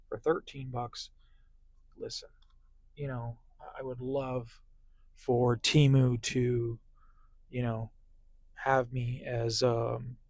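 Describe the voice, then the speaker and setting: Gravelly guy rambling in his car, lots of ums, dry close mic. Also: mid-range voice, no room sound. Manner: rambling, filler-heavy talk. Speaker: delivery driver vlogger. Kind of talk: casual vlog chat. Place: parked car. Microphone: small clip-on phone microphone.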